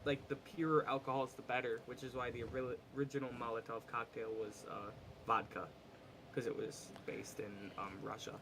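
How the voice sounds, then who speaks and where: A man's voice: medium pitch, flat delivery, a little fast, noisy background. A man in his twenties chatting casually, explaining eagerly and laughing easily. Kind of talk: casual chat.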